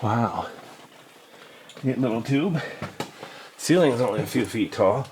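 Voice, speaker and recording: A man's voice: mid-range voice, animated, slow pace, darkish tone. Man filming a cave vlog, noisy audio. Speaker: cave explorer filming his trip. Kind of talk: casual vlog narration. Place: inside a cave, lava tube. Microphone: action camera mic.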